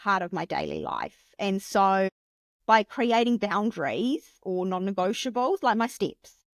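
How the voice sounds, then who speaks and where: A woman in her late thirties, a podcast guest talking in a chatty, animated way with lots of fillers. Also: medium pitch, measured pace, no echo. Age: 30s. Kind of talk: casual chat.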